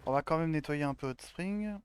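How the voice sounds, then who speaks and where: A man's voice: on the high side, fairly quick. A man doing casual, offhand live commentary while he plays a video game. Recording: game noise behind the voice.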